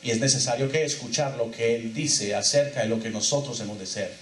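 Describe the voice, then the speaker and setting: A man's voice: mid-range voice, a little fast, slight background noise. A man preaching a sermon as pastor, reading scripture and quizzing the congregation with call-and-response questions, his voice rising and dropping for emphasis. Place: church. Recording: echoey church hall.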